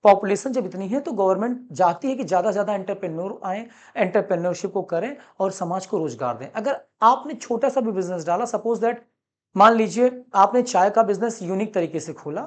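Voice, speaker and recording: Animated male commerce teacher lecturing. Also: high voice, brisk. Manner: animated, coaxing, keeps checking understanding; calls students son, mixes English terms into Hindi. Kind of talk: classroom lecture.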